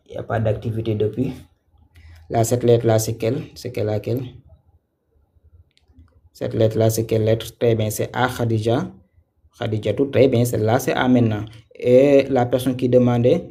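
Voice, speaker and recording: A man teaching a reading lesson live, slow and patient as he sounds out each syllable again and again. His voice is dark and mellow, and he keeps checking in with students and praising their answers. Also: medium pitch.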